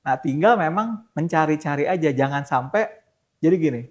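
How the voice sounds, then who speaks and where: A man's voice: on the high side, moderate pace. Middle-aged man explaining in casual chat. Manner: relaxed, explaining with lists and rhetorical questions. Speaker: stock market guest.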